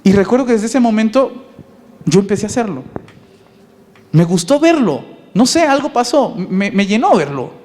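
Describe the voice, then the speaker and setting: A man with a Mexican accent preaching a sermon as pastor, lively and conversational, asking his listeners questions. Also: high voice, normal speed. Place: church. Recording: long reverb in a church hall.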